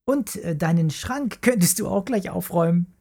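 A narrator voicing a young girl, a teasing, bossy sister in a children's story, talking high and quick. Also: vocal fry, darkish tone, husky.

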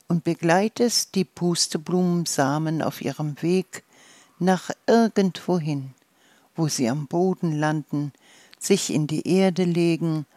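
A storyteller reading a calm guided fantasy journey and fairy tale in a soft, soothing manner. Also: medium pitch, no echo.

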